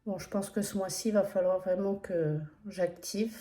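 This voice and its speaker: A woman's voice: mid-range voice, fairly even intonation, normal speed, warm tone. A woman with an accent in French, casually showing her cross-stitch projects in a hesitant, chatty, apologetic way with many fillers. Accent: non-standard accent in French. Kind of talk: casual flosstube progress update.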